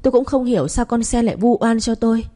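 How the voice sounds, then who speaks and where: A woman's voice: fairly high pitch, fairly even intonation, fast talker, dark tone, pitched above the performer's own voice, natural voice. A woman voicing a proud young wife, tearful and bitter at being wronged. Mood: sobbing.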